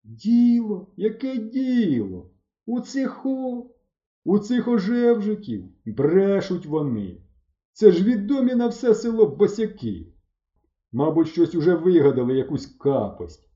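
A man voicing a loud, scornful village youth. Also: mid-range voice, big pitch swings, unhurried. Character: brash loud teenage village youth, mocking bully. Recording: roomy, slightly dull recording.

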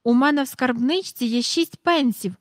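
Woman plays eager little girl, high, pleading, storybook. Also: moderate pace, dry recording, studio quality, natural voice. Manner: bouncy, pleading.

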